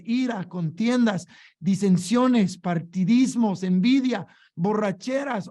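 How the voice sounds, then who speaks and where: A man's voice: high-pitched, warm tone. A man preaching a sermon, emphatic and full of rhetorical questions, often repeating his words.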